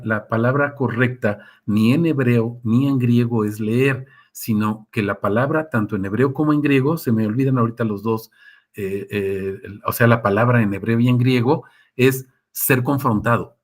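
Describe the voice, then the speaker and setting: A man's voice: medium pitch, normal speed. Conversational preacher man. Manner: conversational, asks listeners often, acts out quotes. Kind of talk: sermon with live Q&A.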